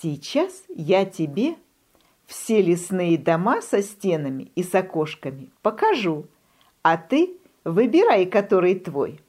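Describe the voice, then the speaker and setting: A fussy, sensible forest hare, played by a woman reading the tale, talks briskly and scolds. Its lively voice rises a little above a plain speaking voice. It is the impatient grown-up of a children's storybook. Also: on the low side. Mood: scolding.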